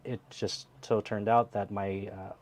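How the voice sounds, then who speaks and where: A man's voice: lowish voice, flat delivery, measured pace, darkish tone. A man in his thirties from the United States, speaking in an earnest, reflective way as a guest in an interview. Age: 30s. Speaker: theater co-producer, guest. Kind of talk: interview conversation.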